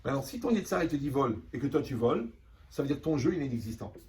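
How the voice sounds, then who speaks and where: A man with a mid-range voice races through a lively lesson for teenagers, repeating phrases, asking the class "vous me suivez," and acting out little scenes in quoted voices. He is animated throughout, heard from a distance with faint room noise.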